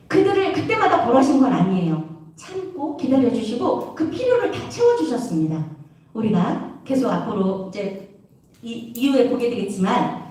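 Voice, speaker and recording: A woman preaches a lively sermon to youth, constantly asking her listeners questions. Her voice is high and bounces widely up and down. She is heard from a distance in a very echoey hall. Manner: animated, keeps asking the audience questions.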